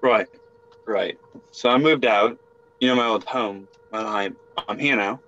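A young man playing a brash, evasive, confused exile caught stealing, halting and excitable, in an amateur video game role-play drama. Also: lowish voice. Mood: cheeky. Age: young adult. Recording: muffled lo-fi home webcam audio.

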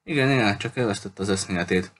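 Courteous formal gentleman, voiced by a man, storybook reading, faint hiss. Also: lowish voice, natural voice.

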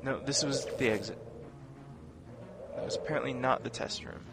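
A let's player offers casual, wryly sarcastic commentary while playing through a video game, with the game's music and sound effects in the background. His mid-range voice has vocal fry, fairly even intonation and a moderate pace.

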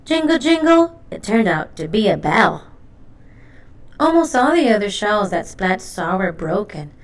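In a deliberate and expressive narrating style, a medium-pitched female voice reads aloud from a children's storybook.

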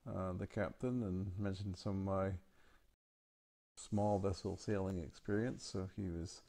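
Gravelly low-voiced man narrating holiday photos. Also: fairly even intonation, dark tone. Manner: halting, many uh and um fillers. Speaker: travel vlog narrator.

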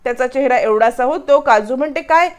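A woman with a high voice retells a television serial episode scene by scene. She narrates plainly and steps into each character's lines herself. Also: normal speed.

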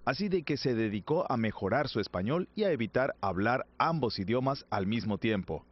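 A man reading scripted news narration in a measured, even tone. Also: medium pitch, muffled recording, background noise.

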